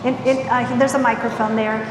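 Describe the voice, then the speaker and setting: A woman's voice: on the high side, little pitch movement, brisk, crowd noise. A woman moderating a live event informally and taking audience questions, her voice echoing heavily as if under a bridge. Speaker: panel moderator. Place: large reverberant indoor hall with audience. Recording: very echoey hall with clear background noise.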